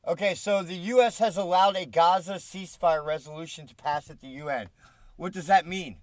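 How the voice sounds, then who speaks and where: This political commentary streamer has a high-sitting, darkish, stuffed-up voice and talks briskly on a dry recording. Reading news aloud on a live stream, he keeps breaking off with mocking asides and swears freely.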